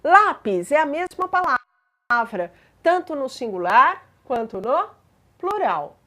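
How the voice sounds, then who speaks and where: A woman's voice: high voice, sing-song, slow, bright, forceful tone. A woman teaching grammar in a patient explanatory lesson, spelling out examples and checking in with listeners.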